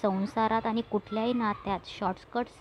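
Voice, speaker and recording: A woman's voice: a little high, steady tone, fairly quick, lightly acted. Woman reading as a patient counselling mother. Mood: gentle. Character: caring middle-aged mother counselling her son. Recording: muffled with faint hiss.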